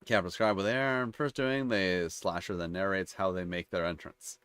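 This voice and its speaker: Guy with a lowish voice reading rpg rules out loud then rambling about them, dry close sound. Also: fairly even intonation, moderate pace, clear, resonant tone, no echo. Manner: reads rules then rambles in chatty asides with restarts. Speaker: channel host reviewing tabletop games. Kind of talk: casual commentary reading rules aloud.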